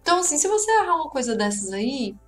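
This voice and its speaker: A woman's voice: sits high, sing-song, quick pace, faint music behind. A Brazilian woman teaching an online exam-prep lesson, explaining patiently and checking in with the viewer often. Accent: Brazilian Portuguese. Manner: explains patiently, asks itself learners' questions, frequent "tá?" check-ins. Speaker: French teacher.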